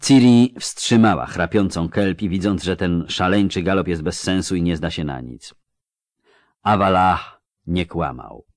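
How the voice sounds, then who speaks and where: A man narrating a fantasy audiobook in an even storytelling delivery. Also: deep voice, a little slow, no echo.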